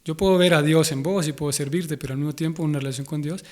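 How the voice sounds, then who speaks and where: A young man with a Honduran Spanish accent talks quickly in a slightly high, steady voice. As an interview guest and Hare Krishna devotee, he speaks thoughtfully in conversation, often restarting as he searches for words.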